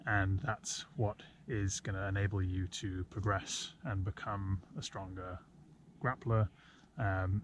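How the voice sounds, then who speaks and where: A man in his thirties giving an informal, measured explainer to camera outdoors, stressing key words as he goes. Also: lowish voice. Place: outdoors on an open hillside. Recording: dull outdoor audio with noticeable ambient noise.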